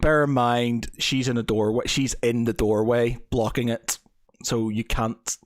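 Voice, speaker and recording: A man's voice: mid-range voice, flat delivery, unhurried, a little hiss or hum. A man running a tabletop game as game master, improvising, often hesitating and stuttering as he thinks.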